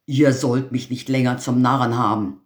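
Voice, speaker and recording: A man voicing a quick-tempered old tailor in a fairy tale reading, with scolding exclamations. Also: mid-range voice, steady tone, close to an everyday voice. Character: old tailor, quick to anger, stern father. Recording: roomy echo.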